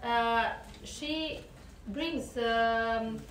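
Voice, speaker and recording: A woman with a Serbian accent speaks at a crowded conference table, pausing often and searching for words. Her voice sits a little high. It echoes around the room and is picked up from a distance. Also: fairly bright tone, a little hiss or hum. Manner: halting, searching for words with many fillers. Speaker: member of parliament. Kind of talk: panel remarks. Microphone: table microphone, recorded from a camera across the room.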